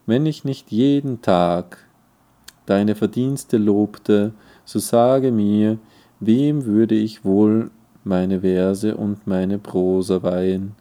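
Old-tale doctor reciting praise verses guy reading, solemn, slow dark voice. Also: lowish voice, fairly even intonation. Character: grateful male court physician reciting verse.

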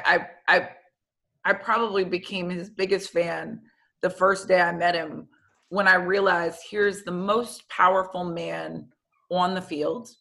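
Bright-voiced woman telling coaching stories. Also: on the low side. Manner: animated, acts out quoted dialogue. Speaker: football coach. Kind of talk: casual interview storytelling.

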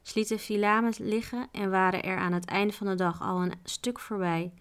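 A woman reading a children's book aloud, narrating in a calm, even storyteller's manner. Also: medium pitch, moderate pace, clean tone.

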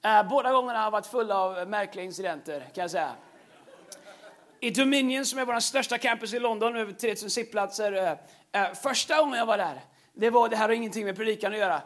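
High-pitched male preacher, animated storyteller, stumbles through fillers and laughs mid-sermon. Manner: animated, breaks into laughter, frequent fillers and repeated words. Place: large church stage.

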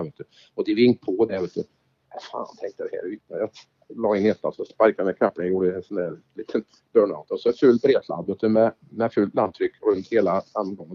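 Gravelly man telling rally stories. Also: deep voice. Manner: animated anecdotes, acts out quoted exchanges. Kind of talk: casual storytelling. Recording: dull lo-fi recording.

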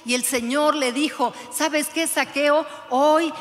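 Fervent high-voiced woman pastor preaching. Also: fairly even intonation, slow pace, long reverb tail. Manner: fervent, urging the congregation with direct questions. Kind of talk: sermon.

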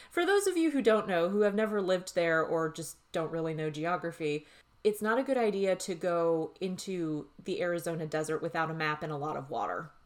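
A woman's voice: on the low side, lively intonation, normal speed. A woman in her thirties co-hosting a podcast, talking casually and candidly, laughing often and swearing freely. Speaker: podcast co-host. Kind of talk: casual chat.

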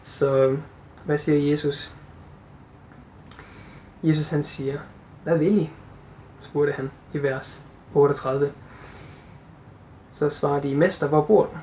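A man's voice: on the high side, flat delivery. Earnest young man preaching. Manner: earnest, halting with fillers and restarts. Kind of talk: sermon with Bible reading. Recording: dull lo-fi sound with faint noise.

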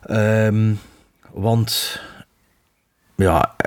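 A man's voice: on the low side, fairly even intonation, very slow, dry recording. Man, Flemish accent, podcast co-host, critical and emphatic, restarts often, dry close sound. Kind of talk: casual film discussion.

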